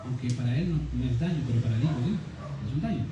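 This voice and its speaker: A man's voice: medium pitch, animated, racing, highs cut off. Man preaching in an echoey room. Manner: teaching, asks listeners "¿ya?" often. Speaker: pastor. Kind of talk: sermon. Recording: echoey room, distant mic, faint noise.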